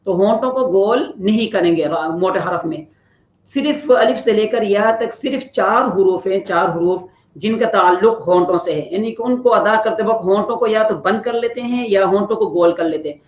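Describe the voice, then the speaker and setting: A tajweed teacher giving a Quran pronunciation lesson, patiently explaining and stretching out each letter sound to demonstrate it. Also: mid-range voice. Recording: roomy, slightly dull lo-fi recording.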